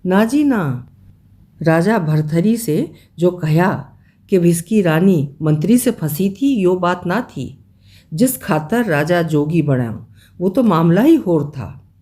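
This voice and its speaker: A man's voice: high voice, expressive, slow pace, warm tone. A reader voicing an old, blunt male Jat villager who tells a tale in a rustic Haryanvi accent. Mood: knowing. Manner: rustic dialect storytelling.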